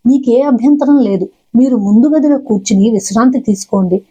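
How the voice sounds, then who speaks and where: Woman reads meek devoted wife in a storybook tale, warm, slightly husky voice. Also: on the high side, fairly quick, low-quality recording. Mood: humble. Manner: polite, humble. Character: humble devoted village wife.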